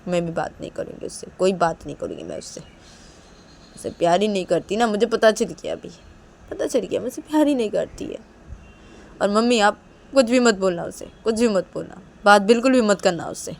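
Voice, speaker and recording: A woman's voice: low voice, very animated, quick pace, creaky, hardly any pauses, dark tone, slight background noise, heavily acted. A woman voicing a heartbroken young woman who insistently repeats herself. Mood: upset, insistent.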